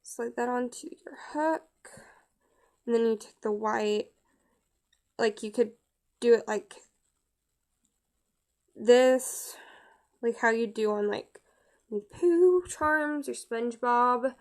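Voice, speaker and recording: A woman giving a casual step-by-step craft tutorial, chatty and halting with frequent restarts. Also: fairly high pitch.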